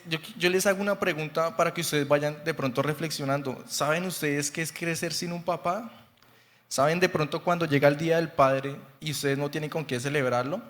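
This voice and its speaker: Young Bogotá preacher in his twenties, slightly high voice, chatty testimony sermon, long hall reverb. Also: a bit bright. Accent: Bogotá Colombian Spanish. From Colombia. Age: 20s. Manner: chatty, laughs often, frequent "¿sí?" checks. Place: church sanctuary.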